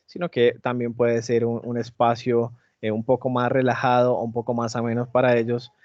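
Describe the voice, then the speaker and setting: A man's voice: mid-range voice, completely flat delivery, moderate pace, darkish tone, no room sound. Hesitant man giving a teacher training. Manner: hesitant, many fillers and tag questions. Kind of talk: online teacher training presentation. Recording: dry, dull lo-fi mic.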